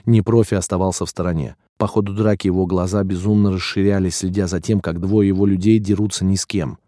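A man reading a first-person audiobook narration in a steady, even way. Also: sits low, quick pace, no echo, clean studio sound.

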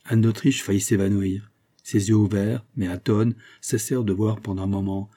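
Low, dark-voiced male audiobook narrator. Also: steady tone, moderate pace. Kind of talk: scripted narration of a classic novel.

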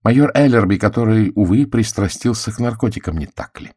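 A man voicing a shrewd, courteous middle-aged detective who questions in a gentle, self-assured way, in an audiobook. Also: lowish voice, lively intonation, fairly quick, slightly rough, no echo, clean studio sound, voice pushed up. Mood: probing. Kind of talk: audiobook character voice.

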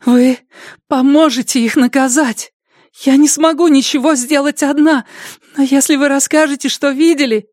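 An audiobook narrator voicing a teenage girl who is tearful and pleading, then icily defiant, in a high, strained voice. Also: fairly even intonation, moderate pace, darkish tone, dry recording, clean studio sound, lightly acted. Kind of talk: audiobook reading.

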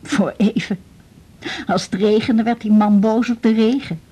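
An actress voices an elderly, frail Dutch widow in a radio drama, a patient who won't let go of her house. She sounds indignant, chatting plaintively with halting repetitions in a slightly high, mellow voice with a breathy edge and fairly even intonation. The highs in the audio are cut off.

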